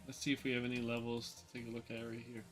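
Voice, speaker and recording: A man's voice: mid-range voice, completely flat delivery, fast, a bit bright, soft background music. A man hosting a casual trading livestream, chatting loosely and answering viewers with fillers and repeated words. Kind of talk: casual livestream market commentary.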